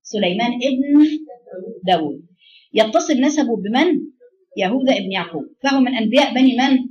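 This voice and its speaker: Animated woman teaching, quick and lively. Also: on the high side. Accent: Egyptian. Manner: animated, asks the class questions and answers them. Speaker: religious teacher. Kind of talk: Quran lesson in Egyptian colloquial. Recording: dull lo-fi recording.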